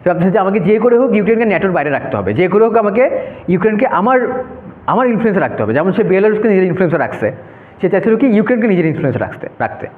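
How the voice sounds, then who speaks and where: A man's voice: high-pitched, lively intonation, racing. A young man giving an informal classroom lecture, talking students through a map and often checking "okay?". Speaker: debate workshop instructor. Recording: echoey room, phone-like narrow sound.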